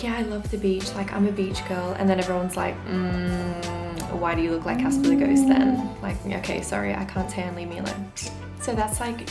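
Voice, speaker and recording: A young woman with a posh Australian accent, chatting in an exasperated, comedic vlog rant and mimicking what others say. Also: medium pitch. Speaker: vlogger. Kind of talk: casual comedic rant to camera. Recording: roomy echo with clear background music. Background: music.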